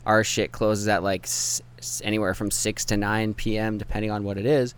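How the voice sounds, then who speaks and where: A man's voice: fairly low pitch, level tone, moderate pace, clear, resonant tone. A man hosting a podcast in casual chat, laid-back, laughing often and trailing off mid-sentence. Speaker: podcast host.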